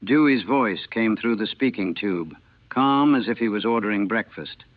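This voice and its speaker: Older man in his sixties, navy veteran on an old recording, plain and clipped, fairly low voice, narrow tinny sound. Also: expressive, moderate pace, no room sound. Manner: plain, matter-of-fact, clipped sentences. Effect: old 1940 recording. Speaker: navy veteran recalling a battle. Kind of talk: first-person war reminiscence. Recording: thin, dry, phone-like old recording.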